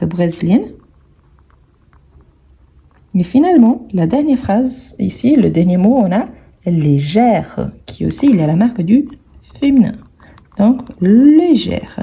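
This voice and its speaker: A woman works through a grammar exercise as a French teacher, saying each word slowly and more than once. Her voice is husky and breathy, with a very dark, mellow tone. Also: mid-range voice, very animated. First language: Portuguese. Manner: slow, careful, repeats each word several times.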